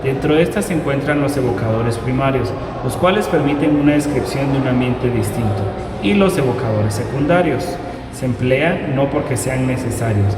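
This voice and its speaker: A man's voice: mid-range voice, expressive, normal speed. Distant young Guatemalan man in a hall. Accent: Guatemalan Spanish. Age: young adult. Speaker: university student presenter. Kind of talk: reading prepared explanation. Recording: distant voice in reverberant hall with music.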